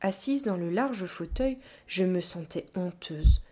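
A woman reading a first-person children's novel aloud, hushed and tense, often dropping near a whisper. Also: lowish voice, animated, measured pace, slightly rough. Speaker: audiobook narrator. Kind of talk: scripted first-person narration.

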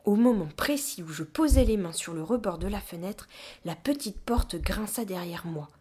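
A woman narrates a children's story in a breathy, hushed voice. Her delivery is tense and close, often slipping toward a whisper. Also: mid-range voice, lively intonation, normal speed. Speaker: audiobook narrator. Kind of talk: scripted first-person narration.

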